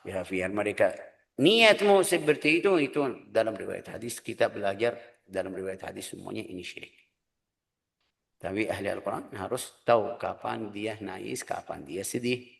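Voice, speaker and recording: Casting: male preacher, earnest and animated, long hall reverb. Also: lowish voice, normal speed, gravelly. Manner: earnest, lively preaching with quoted voices. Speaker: religious teacher. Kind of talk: Quran study lecture.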